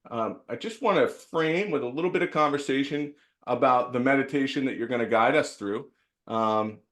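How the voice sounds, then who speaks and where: Chatty man hosting a webinar. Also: mid-range voice. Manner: chatty, many fillers and restarts. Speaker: host.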